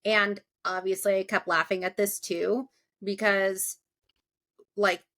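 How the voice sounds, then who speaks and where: A woman's voice: mid-range voice, level tone, slow, a bit bright. A young woman hosting a podcast in casual, chatty talk, laughing often. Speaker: podcast host.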